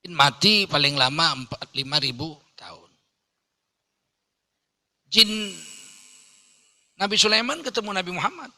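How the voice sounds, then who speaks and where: A man's voice: high voice, a little slow, pauses often. A man preaching a sermon, telling stories humor and acting out the voices in them. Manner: animated storytelling, jokes, acts out quoted voices.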